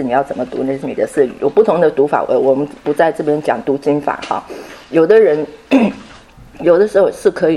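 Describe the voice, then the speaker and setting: Low-voiced woman teaching slowly. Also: a little hiss or hum. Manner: unhurried, repeats key phrases, sprinkles English words; ends phrases with soft tag particles. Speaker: Sunday school teacher. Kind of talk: classroom teaching talk.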